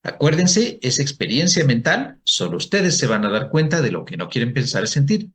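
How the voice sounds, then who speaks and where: A man's voice: mid-range voice, big pitch swings, normal speed, a bit bright. A male psychologist giving a workshop to an audience, asking questions and answering them himself. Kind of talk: presentation talk to an audience.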